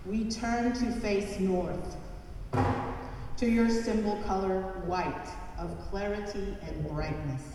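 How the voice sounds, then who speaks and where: A woman's voice: medium pitch, takes it slowly, noisy background. A woman leading a recited church prayer in a solemn, chanted cadence with repeated refrains, heard through a cathedral echo. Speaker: prayer leader at a church service. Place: large church. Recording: cavernous church reverb from a distant mic.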